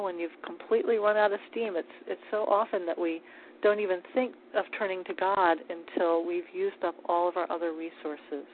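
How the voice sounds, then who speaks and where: A woman giving a calm, measured spiritual talk on prayer, with small restarts as she speaks. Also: fairly low pitch. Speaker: spiritual teacher. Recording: tinny phone-like line with faint hiss.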